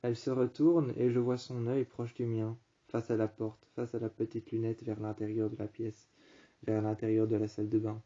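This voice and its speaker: A man telling a first-person story, halting and often repeating and rephrasing his phrases. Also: fairly low pitch, level tone, dark tone. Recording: dull lo-fi recording.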